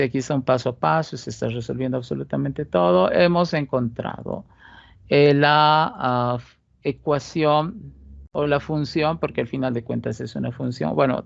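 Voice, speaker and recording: A man's voice: a little high, creaky, no room sound, muffled recording. A man with a Cochabamba Bolivian accent giving a recorded statistics lecture, explaining step by step and often checking in with "¿listo?". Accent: Bolivian Spanish (Cochabamba). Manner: explanatory, asks rhetorical questions, frequent "¿listo?" check-ins. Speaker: teacher.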